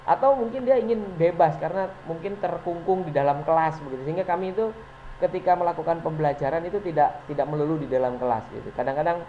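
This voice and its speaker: A man's voice: fairly high pitch, quick pace. Hesitant man presenting to teachers. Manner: chatty and hesitant, many fillers and small chuckles. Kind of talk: informal presentation to fellow teachers. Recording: dull lo-fi recording with faint noise.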